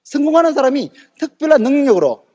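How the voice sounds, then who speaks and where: A man's voice: extremely high pitch, fast. A man giving a motivational seminar talk, telling a story with fiery energy, acting out the people in it and asking his audience rhetorical questions. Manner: fiery, animated, acts out quoted people. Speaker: direct sales motivational speaker.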